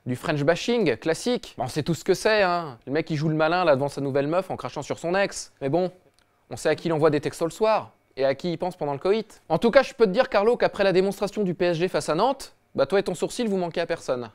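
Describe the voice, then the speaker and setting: A man's voice: a little high, animated, fast talker. A man hosting a satirical football comedy show, cocky and slangy, swearing often. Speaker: host.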